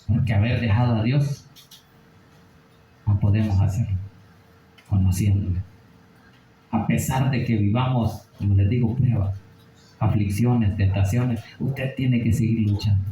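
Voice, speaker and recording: A man teaches a Bible study as a sermon, his voice mellow and warm. He keeps asking rhetorical questions and checks in with his listeners. The sound is roomy and echoey, with a faint hiss underneath. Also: fairly low pitch, measured pace, long pauses. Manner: preaching with rhetorical questions and tag "¿verdad?". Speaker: pastor.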